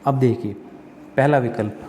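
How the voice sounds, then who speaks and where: A man teaching an exam-prep spelling lesson, asking and answering his own questions and repeating words slowly. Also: mid-range voice, fairly even intonation, darkish tone, big-room sound, slight background noise.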